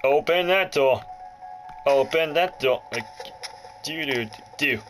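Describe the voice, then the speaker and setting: A man with a slightly high voice speaks at a slow pace in a low-quality recording, giving casual, jokey let's play commentary. He often mutters and exclaims to himself while playing, with loud handheld game music and sounds laid over his voice.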